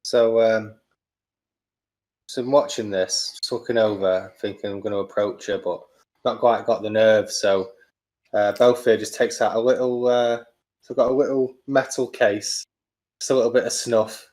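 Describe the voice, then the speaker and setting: Hesitant low-voiced man at a game table. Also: steady tone, moderate pace, darkish tone. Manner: hesitant, chatty with fillers. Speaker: player.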